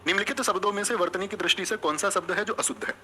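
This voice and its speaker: Fast, bright-voiced man drilling students. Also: sits high, steady tone, slight background noise. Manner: drills students with repeated questions and answers; addresses listeners as friends and brothers. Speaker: Hindi teacher. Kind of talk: exam coaching lesson.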